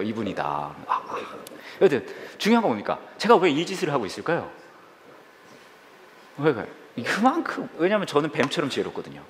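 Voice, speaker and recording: A middle-aged man, a senior pastor, preaching a humorous sermon and acting out little scenes in squealing high voices. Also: a little hiss or hum. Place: church sanctuary. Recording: reverberant church hall.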